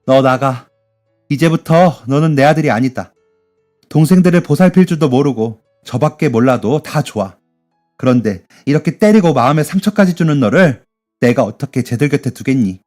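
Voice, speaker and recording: A man's voice: mid-range voice, expressive, normal speed, darkish tone, faint music behind, close to an everyday voice. A man voicing a furious mother in her forties who scolds her son at a scream.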